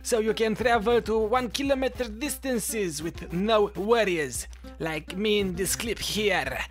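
A man's voice: sits high, a little slow. A man with a Russian accent narrating video game tips in a jokey, mock-instructive way. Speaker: gaming video creator giving tips. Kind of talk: scripted tutorial narration over gameplay. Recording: music behind the voice. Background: background music.

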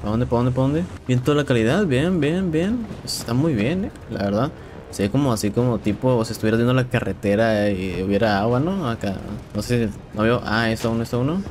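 A young man with a Mexican accent giving casual, excitable commentary while playing a shooter game, swearing and repeating words. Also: medium pitch, a little fast. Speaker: gameplay streamer. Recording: game sounds and noise in background.

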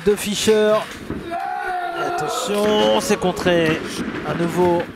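A man giving excited live wrestling commentary, exclaiming as he calls the moves. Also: high-pitched, slow, creaky. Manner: exclamatory, calling moves as they happen. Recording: loud crowd noise throughout. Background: roaring live wrestling crowd.

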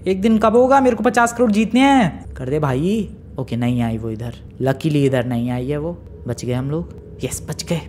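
A man giving lively, chatty commentary on his own gameplay, talking straight to his viewers. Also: on the high side, moderate pace, slight background noise. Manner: excitable, chatty, talks to viewers as "bhai" and "guys". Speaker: gaming YouTuber.

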